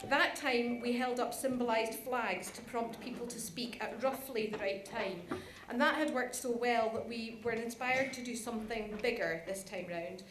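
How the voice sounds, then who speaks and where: Delivering a light-hearted, casual talk in a big conference room, this woman speaks at normal speed and rarely pauses, her voice pitched on the high side. The sound is spacious, with noticeable noise from the hall.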